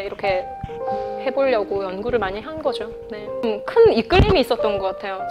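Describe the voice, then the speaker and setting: A woman's voice: on the high side, dull audio. Earnest woman singer over background music. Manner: earnest, soft-spoken, laughs often, candid. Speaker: CCM singer and classical vocalist, interviewee. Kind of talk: reflective interview answers. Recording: music bed under the voice. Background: soft instrumental music.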